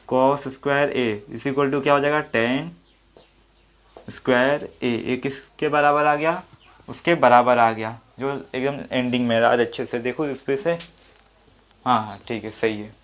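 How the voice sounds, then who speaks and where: A man's voice: mid-range voice, steady tone, unhurried, fairly bright tone, clear, resonant tone. A man teaching a maths lesson at the board, thinking aloud and answering his own questions step by step. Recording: dull lo-fi audio.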